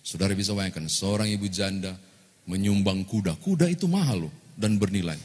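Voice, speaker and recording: A male pastor, giving a lively sermon and joking with the congregation. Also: low-pitched, brisk, slightly rough. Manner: lively storytelling, jokes with congregation. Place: church hall. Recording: long church-hall reverb.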